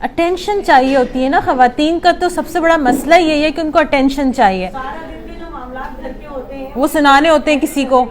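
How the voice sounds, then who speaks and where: High-voiced woman giving a workshop. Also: a crowd in the background. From Pakistan. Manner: explains patiently, mixes English words into Urdu, takes audience questions. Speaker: psychologist leading a workshop. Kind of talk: conversational workshop talk to an audience. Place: club hall with live audience.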